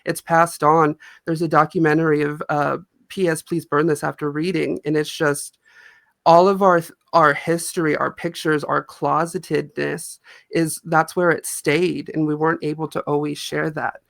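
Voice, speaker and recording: A man's voice: fairly high pitch, flat delivery, normal speed, gravelly, fairly bright tone, no room sound. A man talking casually as an author being interviewed, telling stories earnestly.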